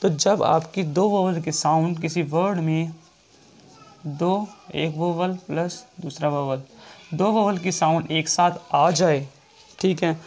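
A man teaching shorthand in a classroom-style lecture, repeating each point and checking in often, and reading English rule text out slowly. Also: on the high side, a little mellow.

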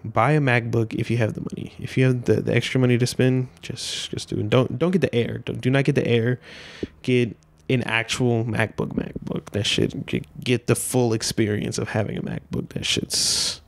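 A man's voice: medium pitch, fairly even intonation, normal speed, creaky, a little hiss or hum. A man in his twenties hosting a casual solo podcast from a small room at home, rambling in a loose, laid-back way with lots of filler words and swearing, speaking into a handheld mic. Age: 20s. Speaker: podcast host. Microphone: handheld dynamic mic, wearing headphones.

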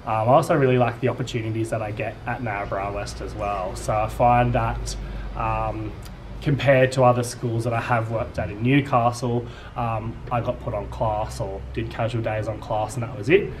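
A young Australian man, a primary teacher from New South Wales, talks casually to camera in a classroom decorated with space posters. He sounds relaxed and uses lots of ums and uhs. His voice is on the low side at a normal speed, with a little hiss or hum in the recording.

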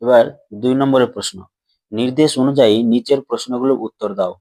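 Male grammar teacher, mid pitch, patient and repetitive, drawn-out words, dry close mic. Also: dark tone, no room sound. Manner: patient, repeats questions and answers them himself; stretches out words slowly when splitting syllables. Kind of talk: classroom lesson explanation.

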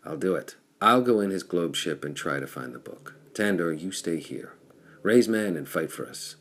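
A determined red-haired space pirate chief, read by a man in a very deep voice with a gravelly, husky edge. He speaks earnestly and resolutely, like a figure from a pulp audiobook. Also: expressive, normal speed, a bit bright, heavily acted. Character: bold red-haired pirate chief, adult male, defiant.

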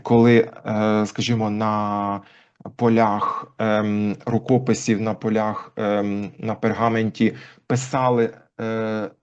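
A man as an interview guest, explaining language history thoughtfully with frequent pauses. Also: fairly low pitch, flat delivery, smooth. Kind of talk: conversational interview. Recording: dull lo-fi recording.

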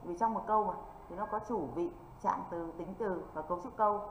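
A northern Vietnamese woman teaches an exam-prep English class, drilling rules and tossing quick check-in questions at her students. Her voice sits a little low. The sound is echoey and dull, with faint hiss behind it. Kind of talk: online exam-prep lesson.

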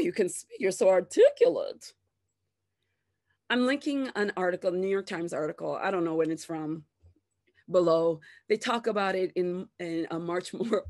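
A woman hosting her own channel, talking in a candid, unscripted rant. She swears freely and acts out other people's remarks in exaggerated voices. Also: lowish voice. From grew up partly in the United States. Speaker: host of a self-help channel. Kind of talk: casual unscripted rant to camera.

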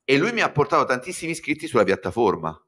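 A man chatting casually as a guest, telling lively stories and swearing freely. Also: mid-range voice, quick pace. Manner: animated storytelling, swears freely. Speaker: guest commentator. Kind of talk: casual chat.

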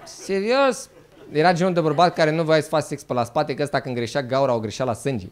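A man performing a stand-up comedy set, animated and mock-outraged, jumping into quick character voices. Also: on the high side, noisy background. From Romania. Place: live comedy venue.

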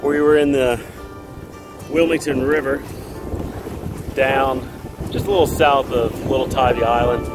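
A man narrating a sailing vlog from his boat, talking casually and rambling a little with fillers. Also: on the high side. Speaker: sailing vlogger. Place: on a sailboat at sea.

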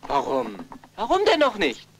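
A man's voice: high voice, wildly swooping pitch, moderate pace, a little hiss or hum. A man dubbing a middle-aged older brother, kind and meek, fussing, often laughing and pleading. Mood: gentle. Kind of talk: German film dub.

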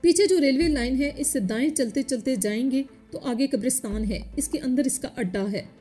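A woman's voice: high voice, moderate pace, warm tone, slightly rough. A woman voicing a frightened, tearful poor man, a street vendor who pleads and wails, in a story reading. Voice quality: wailing, pleading.

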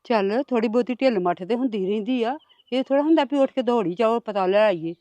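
Middle-aged wife and mother played by a woman, calm, soothing, slightly high voice. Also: a little fast, no echo, natural voice.

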